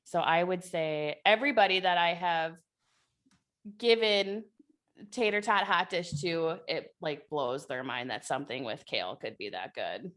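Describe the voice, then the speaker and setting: A woman's voice: sits low, measured pace, fairly bright tone. A woman from North Dakota in her thirties, a podcast guest chatting casually and giggling about food. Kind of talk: casual chat.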